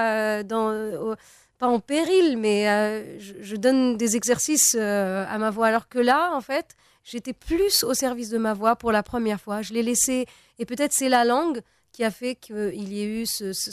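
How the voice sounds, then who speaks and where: In a studio-quality, dry recording, a young Tunisian singer whose native language is Arabic answers interview questions with hesitation, many fillers, and restarts. Her voice is a little high, a little slow, and clean in tone.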